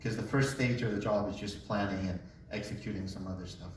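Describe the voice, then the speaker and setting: A young man from Colombia giving a casual personal testimony, a relaxed storyteller who jokes as he talks. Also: on the low side, a little fast, recorded from a distance, slight background noise. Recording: echoey room, voice away from mic.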